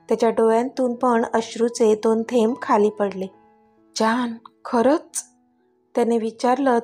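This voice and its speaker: A woman narrating a serialized romance story in a gentle, emotive reading style. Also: a little high. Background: faint background music.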